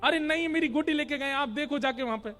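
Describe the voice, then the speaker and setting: A man's voice: extremely high pitch, quick pace, pushed and bright, soft background music, pitched above the performer's own voice. A man voicing a small, innocent boy devotee who pleads in a whiny, earnest way. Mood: pleading.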